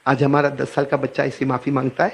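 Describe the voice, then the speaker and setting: A man preaching a sermon as a lively story, often prompting the audience to repeat after him. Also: mid-range voice, breathy edge.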